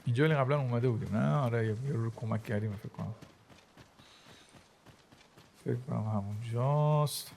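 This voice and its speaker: Gravelly man narrating a game. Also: mid-range voice, slight background noise. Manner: chatty, excitable, talks to viewers. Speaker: gaming YouTuber. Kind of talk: let's play commentary. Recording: game music playing behind.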